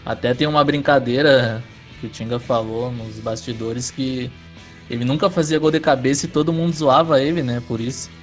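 Mid-pitched southern Brazilian man, casual chat. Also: moderate pace. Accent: southern Brazilian, gaúcho. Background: music under the talk.

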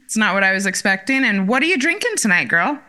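A woman's voice: medium pitch, very animated, fast talker, pushed and bright. A woman hosting a podcast in a casual, chatty style. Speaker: podcast host. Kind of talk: casual hosted chat.

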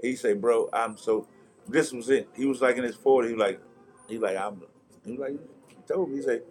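A man from Charlotte, a rapper telling animated, slangy stories as a guest in a casual interview. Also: medium pitch, brisk, slightly rough. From Charlotte, North Carolina. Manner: animated storytelling, swearing, slangy. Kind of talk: casual conversation.

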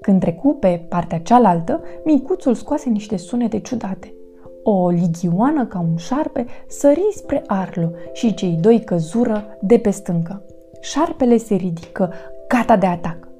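A woman reading a children's storybook aloud as narrator, in an expressive, lively storytelling manner. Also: mid-range voice, faint music behind.

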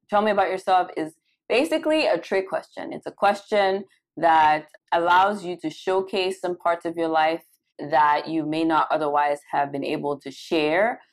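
A young woman from Cameroon hosts a live Q&A as an interview coach. Her voice sits a little low. She talks in an animated, emphatic way and repeats key words to drive them home. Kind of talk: live Q&A session.

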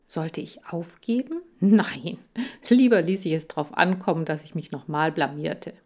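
A woman reading a children's storybook aloud in a lively, playful way. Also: sits low, unhurried. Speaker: audiobook reader. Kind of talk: expressive storybook narration.

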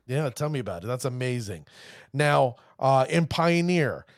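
This card-game show host, a podcaster, speaks unhurriedly in an animated, medium-pitched voice, studio quality and free of echo. His casual talk is full of hype and showman flair, though he trips over player names.

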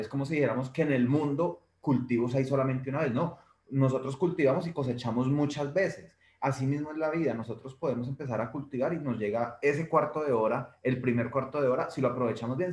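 A man co-hosting a relaxed talk show, recorded in a room with clear echo. He speaks at an ordinary pitch for a man and tells anecdotes in a storytelling manner, slipping into lively character voices for the people in his stories. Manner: storytelling, acts out quoted voices with lively shifts. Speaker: podcast co-host. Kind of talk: casual conversation. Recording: roomy echo.

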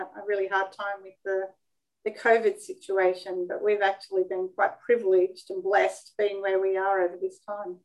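An Australian woman in her fifties, an occupational therapist, talking in a measured way with frequent ums as an interview guest on a video call. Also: mid-range voice, rough recording. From Sydney, Australia. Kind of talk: interview conversation.

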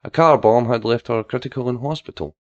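A man narrating a story aloud in a steady storytelling style and doing voices for the characters. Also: mid-range voice, brisk, no room sound, highs cut off.

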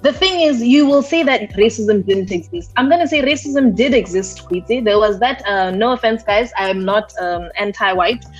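Expressive woman from Botswana, podcast co-host, casual chat, dull recording. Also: medium pitch, normal speed, hardly any pauses, slightly rough, soft background music. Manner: animated, expressive storytelling.

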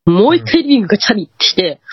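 Kansai woman guest, husky, lively pitch, muffled dry lo-fi call audio, animated ghost-story teller. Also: very fast, dry recording. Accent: Kansai Japanese. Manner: animated, acts out quoted lines. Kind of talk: casual ghost-story telling.

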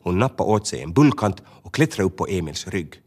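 A low-pitched male voice reads a children's story. His intonation rises and falls vividly, and every sentence is shaped for young listeners. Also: breathy edge. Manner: lively, expressive reading. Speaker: narrator.

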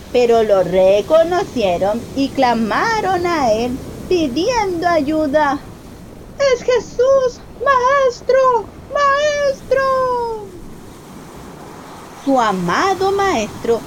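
A woman reads a Bible story to a child in a slow, deliberate way. Her fairly high voice swoops widely as she paints each scene. A faint hiss of noise sits behind her. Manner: expressive, slow, questions the child.

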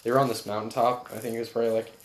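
A young man chatting casually with a friend, laid-back and slangy and quick to laugh. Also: medium pitch, little pitch movement, slight background noise. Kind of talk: casual chat. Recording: roomy echo.

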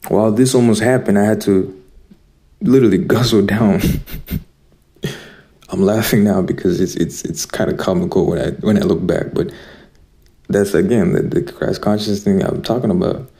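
Man, from Zimbabwe, very low voice, gravelly, earnest preachy spiritual monologue, talks to the audience. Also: fairly even intonation, moderate pace, dark tone. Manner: earnest, preachy, addresses listeners directly. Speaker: spiritual vlogger.

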